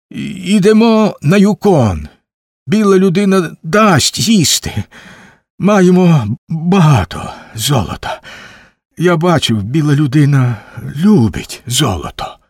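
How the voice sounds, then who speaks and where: A man voicing a starving native chief who pleads in slow, broken speech. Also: on the high side, a little mellow, no echo, clean studio sound, voice pushed up. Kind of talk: audiobook character voice.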